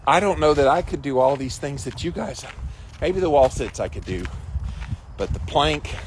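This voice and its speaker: A man's voice: on the high side, expressive, moderate pace, a little hiss or hum. A man hosting a casual livestream, reading out and answering viewer comments in an encouraging, emphatic, colloquial way. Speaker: livestream host of a daily ice bath challenge.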